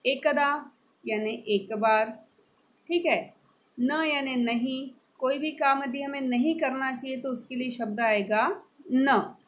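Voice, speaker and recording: A woman teacher explaining Sanskrit grammar, giving each word and its meaning slowly and repeating examples for students. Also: sits high, a little hiss or hum, low-quality recording. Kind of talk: classroom lesson explaining grammar.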